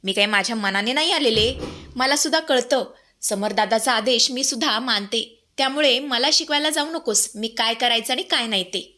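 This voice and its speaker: A woman's voice: a little high, moderate pace, bright, forceful tone. A woman voicing a proud sister who insists on her place in the house. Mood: insistent.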